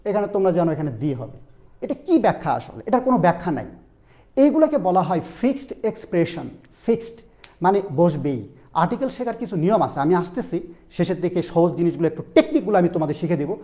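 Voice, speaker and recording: ভর্তি পরীক্ষার অনলাইন ক্লাসে এক পুরুষ শিক্ষক প্রশ্ন করে করে ব্যাকরণ বোঝাচ্ছেন, মূল শব্দগুলো ধীরে ধীরে বারবার বলছেন।. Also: male voice, sits high. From Bangladesh. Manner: animated, questioning students, repeating key phrases slowly. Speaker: teacher. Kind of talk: online admission-prep English lesson.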